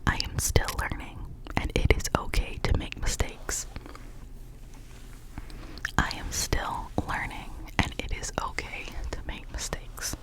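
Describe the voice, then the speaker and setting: The audio is poor in quality. An ASMR host delivers whispered, uplifting affirmations in a tender, supportive way, slowly saying certain lines again and again.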